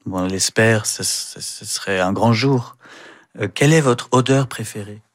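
A man's voice: on the low side, normal speed. A male radio host interviewing a guest in an easygoing, joking way, with hesitant fillers.

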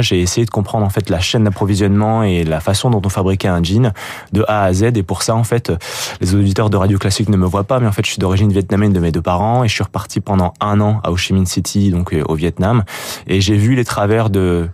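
Deep-voiced young man, halting and dry. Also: a little mellow, no room sound. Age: young adult. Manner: hesitant, many fillers and restarts. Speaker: guest, jeans brand founder. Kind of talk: radio interview.

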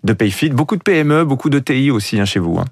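A man interviewing a company founder in a morning business show, asking brisk questions with emphatic rising stresses. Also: medium pitch, lively intonation, breathy edge, no room sound, studio quality.

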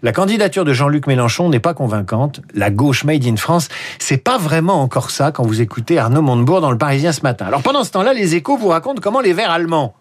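A man with a slightly husky, fairly high voice presents a chatty radio press review from a studio. His delivery is lively and full of asides, and the dry sound carries no room echo. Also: fast talker.

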